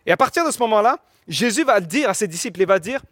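A man's voice: high voice, expressive, fast talker, a bit bright, dry recording, studio quality. A man preaching a sermon, explaining earnestly and often restarting his phrases.

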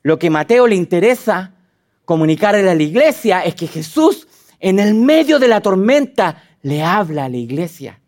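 Animated preacher man with a lively high voice. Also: moderate pace. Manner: animated, acts out quotes with sudden high dramatic voices; asks the listeners direct questions. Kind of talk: sermon.

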